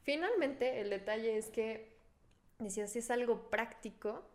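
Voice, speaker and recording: A woman, a psychologist guest, chatting in a relaxed way and chiming in with quips. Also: fairly high pitch, unhurried. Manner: relaxed, laughs along, chimes in with quips. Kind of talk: casual chat.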